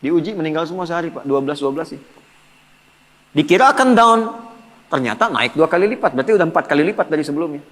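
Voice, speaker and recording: A man giving a religious lecture, lively, asking the audience questions and answering them himself. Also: a little high, fast, long reverb tail. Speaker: preacher.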